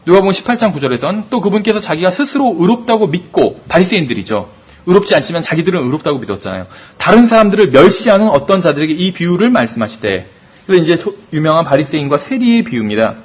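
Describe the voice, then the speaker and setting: A man teaching a Bible study, his voice a little husky and pitched high. He moves quickly, leaning on rhetorical questions as he explains each point. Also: big pitch swings.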